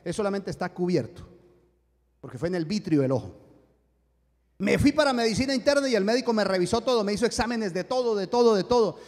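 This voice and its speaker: A man's voice: high voice, lively intonation, quick pace, a little mellow, in a large hall. A man preaching a sermon, telling a personal story and acting out the dialogue, with emphatic rhetorical questions.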